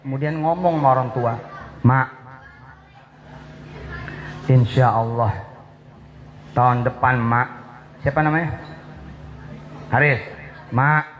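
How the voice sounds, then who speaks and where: A man's voice: mid-range voice, a bit bright, dull audio, slight background noise. A man preaching a sermon, teasing the crowd playfully and acting out little dialogues. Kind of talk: Islamic sermon.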